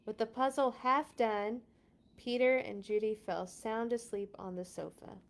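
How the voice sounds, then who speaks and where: Hosting a children's read-along, a woman reads with flair, leaning dramatically on key words and dropping in casual, chatty asides. Her voice is fairly high and steady, and she goes a little slowly.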